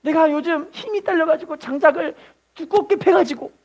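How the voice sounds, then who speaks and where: A woman's voice: extremely high pitch, a little fast, darkish tone, voice pushed up. A woman preacher voicing a fond old father-in-law from a folk tale who speaks in an emphatic, raised tone.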